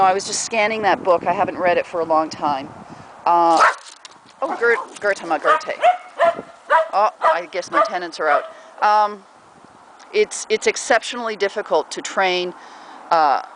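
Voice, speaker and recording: A pet owner casually giving puppy training advice at home, rambling with many fillers and often breaking off to talk to the pets. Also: medium pitch. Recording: noisy home recording.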